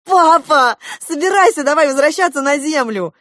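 A woman reads an audiobook in an animated, fairly high voice pitched above her own, playing an earnest eleven-year-old girl. The girl presses her questions insistently and slowly. The recording is dry and studio quality.

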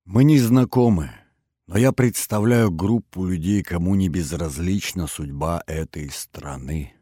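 A man voicing a hoarse, domineering spokesman of a secret government in an audiobook, speaking calmly and bluntly. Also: low-pitched, a little slow, no room sound, clean studio sound. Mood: formal. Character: hoarse male spokesman of a shadow government, cold. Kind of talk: audiobook character reading.

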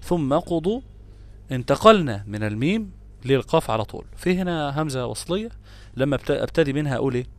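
A man's voice: mid-range voice, lively intonation, quick pace. Egyptian man teaching Quran recitation rules. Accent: Egyptian Arabic. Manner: repeats example words with emphatic stress, asks and answers his own questions; switches between classical Arabic and colloquial asides. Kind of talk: tajweed lesson explaining grammar rules.

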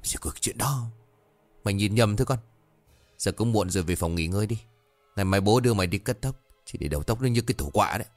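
A stern village father who lays down the law bluntly and protectively, voiced by a man. His voice is low and close, over faint music. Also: animated, fast talker, dry recording, natural voice. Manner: firm, scolding.

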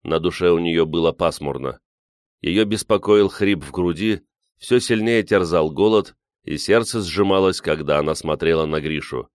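A man reading a novel aloud in measured scripted narration. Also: low voice, dry recording, clean studio sound. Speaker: audiobook reader.

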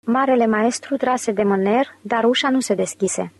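A woman narrating an audiobook in a measured, clear reading voice. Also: fairly high pitch, no echo. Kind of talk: scripted narration.

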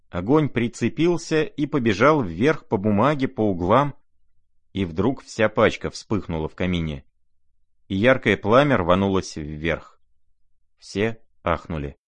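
Deep-voiced man narrating a novel. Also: dry recording. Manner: measured, expressive reading. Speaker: audiobook narrator. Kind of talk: scripted literary narration.

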